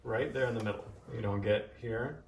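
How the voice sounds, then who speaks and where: A man teaches in a casual, practical way, thinking aloud and giving short, simple cues. His voice sits at a middle pitch. It is picked up at some distance in an echoey room. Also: normal speed, a little hiss or hum. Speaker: massage therapist and instructor. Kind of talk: casual hands-on demonstration, instructing.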